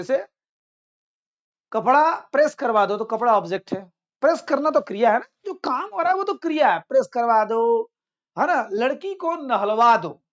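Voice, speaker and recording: A man's voice: very high-pitched, dull audio. A man teaching an English grammar lesson in Hindi, stressing his points and drilling examples with rhetorical questions.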